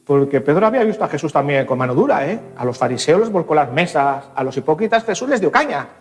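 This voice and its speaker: A male pastor preaching a sermon in a church, animated and acting out scenes with shifts in voice. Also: on the high side, fast talker, soft background music.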